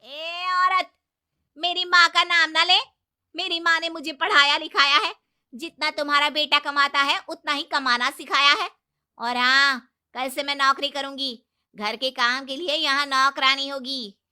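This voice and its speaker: Casting: a woman doing a cheeky young bride, defiant and loud, high and very bright. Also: very animated, normal speed, full character voice. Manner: defiant, sassy, loud retorts. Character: bold, sharp-tongued new young daughter-in-law.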